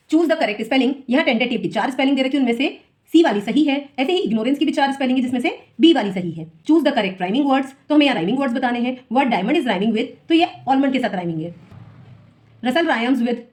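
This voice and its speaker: A woman's voice: high voice, darkish tone. Woman teacher walking through exam answers. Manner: reads each question, then explains the answer step by step. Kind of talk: solving an exam paper for students.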